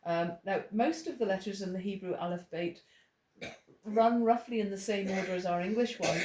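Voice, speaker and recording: Her voice is medium-pitched and dark, her speed normal: a middle-aged Irish woman leading a small study group indoors. She keeps wandering into anecdotes and restarting sentences, and the audio sounds roomy with a little noise.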